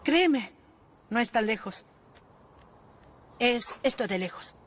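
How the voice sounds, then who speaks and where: A woman's voice: fairly high pitch, animated, takes it slowly, fairly bright tone, exaggerated voice. A woman dubbing an earnest, hopeful older orphan brother in Latin American Spanish. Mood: reassuring. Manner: earnest, begging. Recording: film soundtrack with music.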